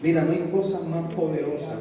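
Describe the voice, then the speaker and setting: A man's voice: on the high side, steady tone, brisk, crowd noise. A man preaching a sermon, calling out to the congregation and prompting amens. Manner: call-and-response, prompting amens. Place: large hall. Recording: echoey hall from far off.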